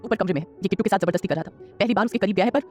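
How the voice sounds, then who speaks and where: A man's voice: high voice, racing, a little mellow, faint music behind, natural voice. A man voicing a protective, hot-tempered young man in an audio story. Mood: angry. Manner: harsh, accusing.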